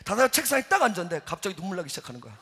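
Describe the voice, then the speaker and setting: A middle-aged man preaching a sermon as a pastor, telling a story with lively acted-out quotes. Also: high voice, very fast, breathy edge. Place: church sanctuary. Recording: church hall reverb.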